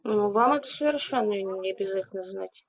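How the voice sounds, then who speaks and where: A woman's voice: mid-range voice, fairly quick, slight background noise. A woman arguing over the phone in a colloquial, mocking and defiant way. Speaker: person receiving debt collection calls. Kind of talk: argumentative phone conversation. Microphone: telephone. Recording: muffled narrowband phone line.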